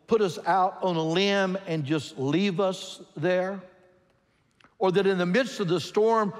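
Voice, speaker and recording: An older man, a pastor, preaching a sermon from a pulpit in a large church, expressive and emphatic. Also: high voice. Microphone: pulpit microphone. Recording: long church hall reverb.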